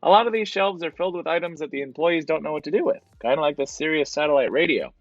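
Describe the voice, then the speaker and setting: A man's voice: on the high side, fast, no echo, dull audio, soft background music. A man narrating his thrift store trip as a voice-over for his reselling vlog, in a casual, explanatory way. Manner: casual, explanatory, repeats "to be honest".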